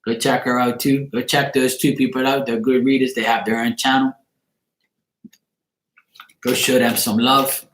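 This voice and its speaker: A tarot reader from Bermuda livestreams from his living room, chatting with viewers in a blunt, joking, informal way. He speaks at normal speed in a mid-range, fairly bright voice with little pitch movement and long pauses, and the echoey room carries faint noise and clicks.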